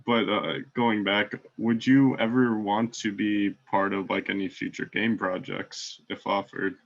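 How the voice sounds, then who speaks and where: Co-host guy, gravelly voice, dull lo-fi mic. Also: on the low side, flat delivery, measured pace. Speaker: podcast co-host. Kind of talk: interview questions.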